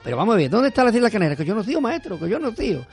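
A man's voice: big pitch swings, racing, husky, soft background music, full character voice. A man putting on a whiny, wailing schoolboy. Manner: high whiny pleading. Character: crying schoolboy, young, frightened and stubborn.

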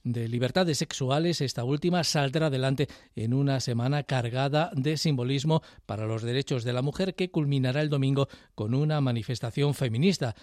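A man reading the news as anchor in a steady, formal way. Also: medium pitch, dry recording, clean studio sound. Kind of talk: read news bulletin. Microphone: studio mic.

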